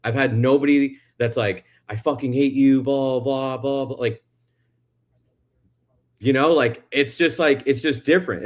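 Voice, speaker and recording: Male livestream host, loose and excitable talker, casual swearing. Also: medium pitch. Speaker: stream host. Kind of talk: casual chat.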